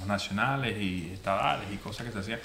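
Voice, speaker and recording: Bright-voiced Venezuelan man, echoey room. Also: on the low side, quick pace, gravelly. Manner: hesitant, searching for words. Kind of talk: casual chat.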